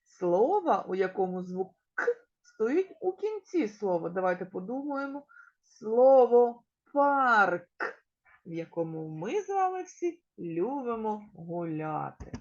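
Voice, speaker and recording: A woman with a Ukrainian accent talks to a class of small children at a very slow, careful pace. Her pitch swings widely as she stretches out single words and asks the children questions. The recording sounds dull and lo-fi. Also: very animated, darkish tone. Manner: slow, clearly articulated, stretches key words; addresses children directly and asks them questions. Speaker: kindergarten teacher. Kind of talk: recorded preschool literacy lesson.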